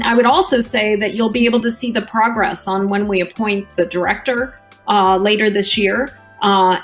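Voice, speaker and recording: A woman official speaks loosely in a panel conversation, dropping fillers as she goes. Her pitch sits in the middle. Faint music plays underneath. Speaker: museum official.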